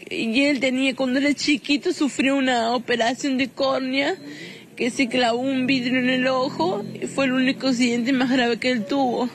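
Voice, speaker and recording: A woman's voice: high voice, steady tone, normal speed. A distressed, tearful woman in her thirties with an Argentine accent, interviewed on the street outside a house. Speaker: bereaved mother being interviewed. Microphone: handheld news microphone. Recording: noisy outdoor street recording.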